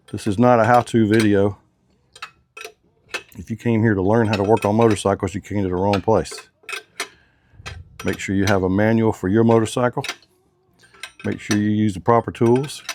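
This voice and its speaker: Mechanic, male, lowish voice, laid-back slangy shop talk, faint workshop noise behind. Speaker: motorcycle mechanic. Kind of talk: hands-on workshop demonstration.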